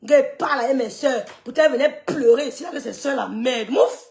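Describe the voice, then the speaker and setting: There's vocal fry in this woman's high, slightly mellow voice, delivered at a normal speed. The middle-aged social media gossip streamer holds a heated live-stream rant, scorning and scolding alleged troublemakers with repeated dismissive teeth-sucking.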